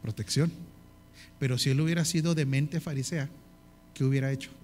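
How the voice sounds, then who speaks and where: Northern Mexican man preaching, faint rumble. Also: fairly even intonation, a little fast, a little mellow. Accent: northern Mexican Spanish. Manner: asks the audience often, lists in repeated phrases. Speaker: apostle teaching a leadership course. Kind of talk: sermon-style teaching.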